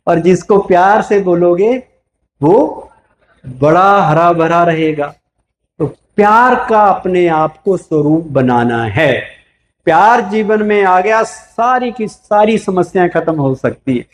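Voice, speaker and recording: A man's voice: sits high, animated, takes it slowly. A man with an Indian accent giving a motivational spiritual talk to a live audience, asking them questions and answering them himself. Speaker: spiritual speaker.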